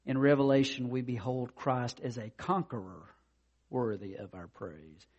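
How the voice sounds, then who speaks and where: A man preaching a sermon, swinging between loud emphatic declarations and quieter personal asides. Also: mid-range voice, measured pace, dull audio. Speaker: pastor.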